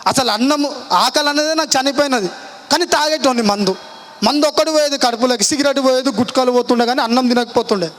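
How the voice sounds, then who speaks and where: A young man, telling his personal testimony at a church meeting in rapid, impassioned colloquial speech. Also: very high-pitched, a bit bright. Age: young adult.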